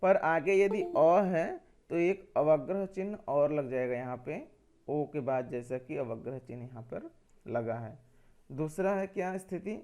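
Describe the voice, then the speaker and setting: Man, teacher, classroom grammar lesson, slightly high pitch, warm dark tone, repeats key points. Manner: explains step by step, asks questions and answers them himself.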